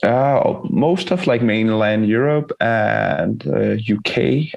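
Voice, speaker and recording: A man with a gravelly voice, laid-back and a little hesitant, chatting casually in an interview as a band musician. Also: lowish voice, animated, slow, muffled recording. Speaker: touring metal band musician being interviewed.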